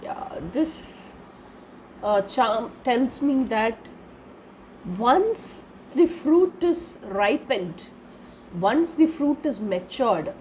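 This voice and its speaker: Indian-accented woman, high-pitched, wheezy and congested with a cold, instructive spiritual reader, light background noise. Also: darkish tone, rough recording. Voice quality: slightly wheezy, cold-affected voice. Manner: instructive, repeats phrases with tag 'na'. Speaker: charms card reader giving guidance. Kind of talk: casual spiritual reading to viewers.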